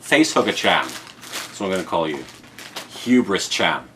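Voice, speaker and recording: Sitting low but with big pitch swings, a British man in his thirties speaks at normal speed in a fairly bright tone. He's hosting a casual unboxing vlog in his apartment, rambling in playful mock-seriousness with emphatic repetition, and room noise is clearly heard.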